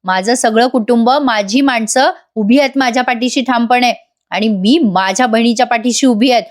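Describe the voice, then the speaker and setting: A woman's voice: on the high side, normal speed, close to an everyday voice. A woman voicing a firm young woman who defiantly sends unwanted visitors away. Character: firm young woman standing by her sister.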